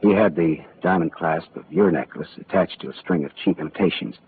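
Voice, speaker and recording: Deep-voiced hard-boiled detective, acted by a man, Philip Marlowe. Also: fairly quick, slight background noise, close to an everyday voice. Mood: gentle, sympathetic. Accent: American. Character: hard-boiled male private detective, wry, decent, world-weary. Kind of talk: 1940s radio drama acting and first-person narration. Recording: tinny 1940s radio broadcast, music.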